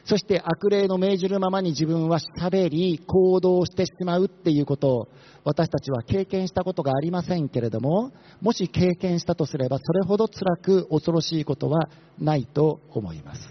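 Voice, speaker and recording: A male pastor preaching a sermon, talking fast and putting questions to the congregation. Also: on the high side. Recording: dull lo-fi sermon recording.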